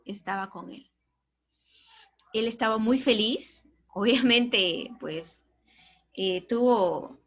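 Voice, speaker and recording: Woman literature teacher, animated storyteller, bright tone, muffled lo-fi audio. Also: mid-range voice. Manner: animated, tags questions to students. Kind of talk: storytelling lesson. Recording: dull lo-fi recording.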